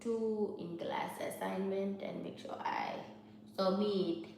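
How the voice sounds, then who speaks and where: A woman with a Haitian Creole accent rambles candidly about her studies for her study vlog, her mid-range voice creaky and darkish, slow-paced yet full of huge pitch swings. She frequently restarts and repeats herself, and the room is very echoey and noisy.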